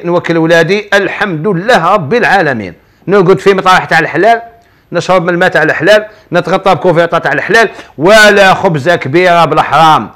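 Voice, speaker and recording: Algerian sheikh, middle-aged guy preaching, high bright voice, repeats himself a lot for emphasis. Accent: Algerian Arabic. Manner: emphatic, repetitive, colloquial storytelling. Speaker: religious advice show host, sheikh. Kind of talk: preaching, answering viewer questions.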